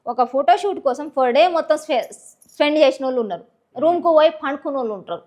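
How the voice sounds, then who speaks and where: A woman's voice: high voice, animated, quick pace, a little mellow. A woman with a Telangana Telugu accent from a village, speaking bluntly and passionately as an interview guest. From rural Telangana village. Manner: blunt, outspoken, impassioned. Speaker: guest, social media personality. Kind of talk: candid interview talk.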